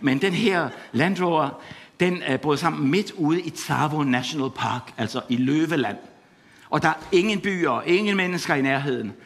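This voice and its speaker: A middle-aged man preaches a sermon with fervour, his voice sitting a little high. He hammers his points home with repeated exclamations and drifts into anecdotes, often with a chuckle. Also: fairly bright tone. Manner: impassioned, repetitive exclamations; storytelling with laughter.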